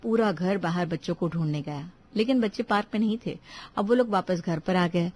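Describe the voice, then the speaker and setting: A woman narrating a cartoon family story in an expressive storytelling manner. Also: on the low side, brisk.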